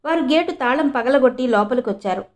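Woman, high voice, scripted story narration, even and measured.

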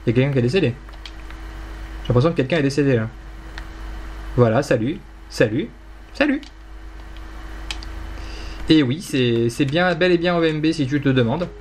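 A man's voice: mid-range voice, expressive, normal speed, long pauses, darkish tone, a little hiss or hum. A young man casually commenting on his Minecraft gameplay, rambling playfully, teasing and mocking himself. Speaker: gaming YouTuber.

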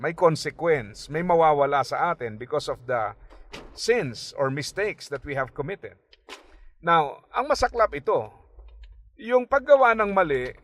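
Speaking from a radio studio with no echo, a Filipino man presents a Bible program in a voice on the high side. He talks conversationally, slipping in English phrases and tag questions often. When he retells stories, he grows animated.

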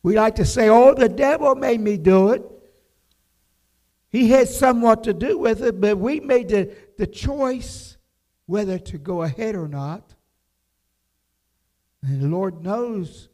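Older guy preaching slow at a church pulpit, kinda high voice, leans hard on each phrase. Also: mellow. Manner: slow, emphatic preaching with scripture quotes. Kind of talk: devotional sermon. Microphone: pulpit microphone, far camera.

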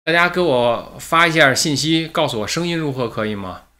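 A man's voice: a little high, lively intonation, moderate pace, pushed and bright. Man hosting a casual livestream. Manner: checks his mic sound with viewers, then reads a listener letter aloud. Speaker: livestream host. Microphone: streaming mic with a noise gate.

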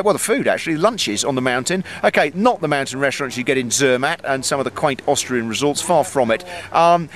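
With a medium-pitched, fairly bright voice, this middle-aged ski reporter talks casually to a camera he holds out at arm's length on the mountainside. His snow update is chatty, peppered with ums and deadpan asides.

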